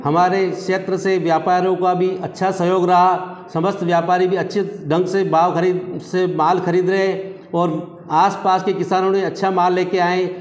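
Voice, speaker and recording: Echoey, high, even-toned man. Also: moderate pace. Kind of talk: public appeal to a news camera. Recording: echoey, long reverberant space.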